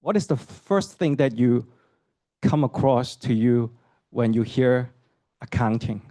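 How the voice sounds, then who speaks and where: At a measured pace, a middle-aged man from Hong Kong speaks in a dark, mid-range voice with no room sound. As an associate professor presenting university admissions to students and parents, he keeps a conversational style, poses questions to listeners, and leans on fillers and "right?" tags.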